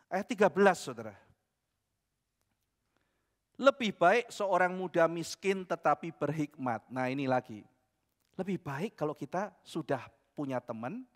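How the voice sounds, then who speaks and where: A male pastor preaching a sermon, a lively storyteller who keeps addressing his congregation. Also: fairly high pitch. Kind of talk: sermon with personal anecdotes. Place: church sanctuary. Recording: echoey church hall.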